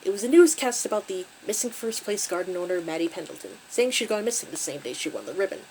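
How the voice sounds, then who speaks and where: A woman's voice: medium pitch, sing-song, quick pace, a little mellow, a little hiss or hum, poor audio. A woman hosting her channel, recapping a creepy story with wry, conversational asides. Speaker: channel host and story reader.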